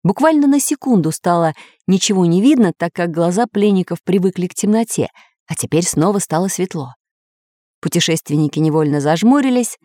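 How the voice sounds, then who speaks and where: A woman reads a children's storybook aloud in a fairly low voice with an expressive lilt. The recording is dry and close. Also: no echo.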